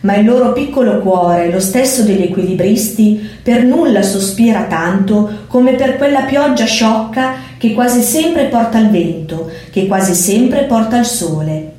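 A woman's voice: on the high side, expressive, unhurried, hardly any pauses, dark tone. A woman voicing an astonished grown man, a poet, in a storybook reading. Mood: amazed. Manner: incredulous, wondering. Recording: very echoey room.

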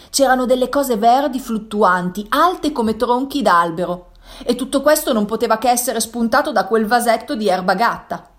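A woman with a mid-range voice reads a children's adventure aloud. Her delivery is dramatic and suspenseful, and she leaps up in pitch when characters shout. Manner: dramatic, suspenseful reading that jumps high for shouted lines. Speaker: narrator. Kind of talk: scripted storybook narration.

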